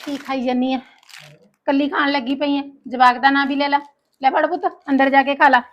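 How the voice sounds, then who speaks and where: A woman's voice: sits high, level tone, brisk, dull audio, natural voice. A woman with a Punjabi accent playing a jealous, nagging village wife who scolds her husband and his sister. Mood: scolding. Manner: scolding and sharp. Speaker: quarrelsome wife and sister-in-law. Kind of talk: comic family drama acting.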